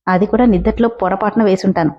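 A woman's voice: mid-range voice, fairly even intonation, quick pace, dull audio, lightly acted. A woman voicing a playful young husband who teases his wife and feigns innocence. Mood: casual.

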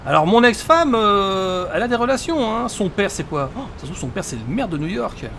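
A man's voice: high voice, big pitch swings, fairly quick, vocal fry, fairly bright tone, slight background noise. A man giving casual video game commentary as a let's play host. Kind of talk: casual game commentary and reading dialogue aloud.

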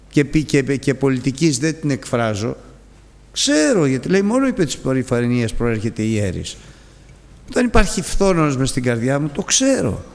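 A man preaching a sermon, pressing his listeners with pleading rhetorical questions, with a gravelly voice. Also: fairly high pitch, in a large hall.

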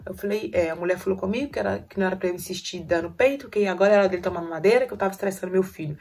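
A woman's voice: mid-range voice, very fast, gravelly, breathy edge, far from the mic. A young mother, emotionally retelling her story in a casual vlog and acting out what people said to her. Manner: emotional, lively retelling that acts out quoted dialogue. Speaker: vlogger, first-time mother.

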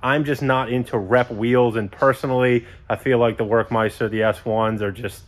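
A man's voice: medium pitch, steady tone, moderate pace, dry recording. A man hosting a car-build vlog from his shop, talking casually and expressively with a self-mocking streak. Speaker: shop owner and channel host.

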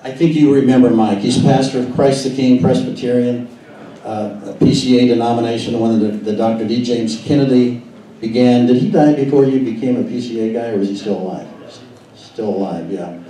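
A man's voice: mid-range voice, brisk, mellow. A man organizing a meeting, introducing a speaker in a rambling, hesitant way with fillers. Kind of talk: speech at a meeting. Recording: echoey room, distant mic, faint noise.

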